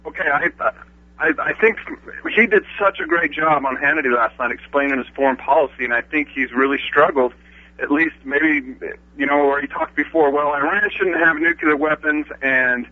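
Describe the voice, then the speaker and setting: A man calling into a radio talk show, rushed and eager. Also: on the high side. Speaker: caller. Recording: muffled phone call over radio.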